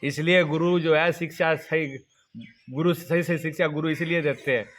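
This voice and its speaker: A middle-aged spiritual teacher's devotional sermon comes in a fairly high, steady, slightly bright voice at normal speed, with a faint hiss or hum. He poses rhetorical questions, supplies the answers, and repeats plain, homespun examples.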